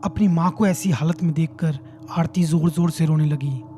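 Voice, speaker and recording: A man tells a horror story in a dramatic, suspenseful manner. His voice sits high but sounds warm and mellow, and soft music plays faintly behind him. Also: moderate pace.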